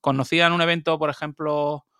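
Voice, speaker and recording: Lively man telling stories. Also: on the high side, clear, resonant tone, no echo, studio quality. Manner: lively, animated, quick asides and laughs. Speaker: interview guest. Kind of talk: casual storytelling.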